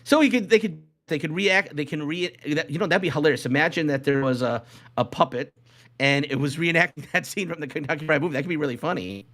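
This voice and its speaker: This podcast host runs a casual comedy show, rambling and joking as he reads from a list and comments on it. His voice sits fairly high, fairly bright, and he talks fast.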